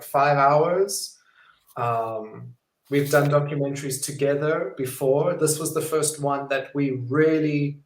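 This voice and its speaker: A man talks about his film work in a relaxed, friendly way, often filling pauses with ums. His voice sits a little high and he speaks slowly. The recording has a roomy echo. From South Africa. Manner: friendly, chatty, with frequent ums and easy laughter. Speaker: documentary filmmaker. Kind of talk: casual interview answers.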